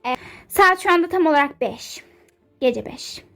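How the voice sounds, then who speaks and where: A woman doing a shrill, bossy, hyper young model. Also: lively intonation, moderate pace, fairly bright tone, soft background music. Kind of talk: game character role-play dub.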